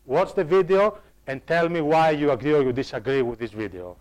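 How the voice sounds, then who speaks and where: On a rough recording, a man with a slightly high voice speaks a little fast as he leads a live staff workshop about designing online courses. He tends to restart and repeat words mid-explanation and puts questions directly to the audience.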